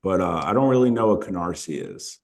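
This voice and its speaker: A young man with a somewhat low voice who teases his co-host in a wry, easygoing way. He swears casually while he chats about films and places. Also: lively intonation, a little fast. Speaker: podcast co-host. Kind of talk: casual profane chat. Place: outdoors.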